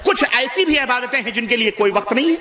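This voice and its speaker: A man's voice: lively intonation, sharp tone, reverberant. A man preaching an impassioned sermon, exhorting his listeners with rhetorical questions, with a Pakistani Urdu accent. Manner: soars to high emphatic peaks.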